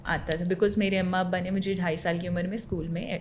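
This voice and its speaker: A woman's voice: on the low side, slight background noise. A woman from Pakistan, a writer guest on a podcast, talking animatedly and mixing English words into her speech. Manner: animated, mixes English into speech, often checks agreement. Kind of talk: casual chat.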